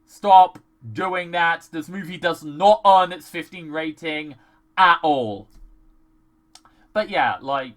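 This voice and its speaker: In a casual vlog, a movie reviewer rants in an exasperated way, swearing often and packing his speech with "like." The voice is medium-pitched and fairly bright, and he takes it slowly.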